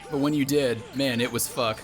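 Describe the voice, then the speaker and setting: A man's voice: medium pitch, fairly even intonation, normal speed, faint music behind. A man playing a video game and chatting with his co-host, mock-boastful and sarcastic in his jokes. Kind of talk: casual gameplay commentary.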